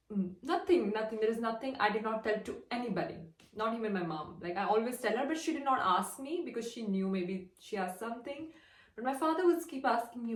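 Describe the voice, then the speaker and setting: A young woman in her twenties from India, with an Indian English accent, chatting casually as she tells a story and acts out the dialogue. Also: medium pitch. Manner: chatty, retells dialogue with "I'm like". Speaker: fashion model. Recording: roomy, distant mic.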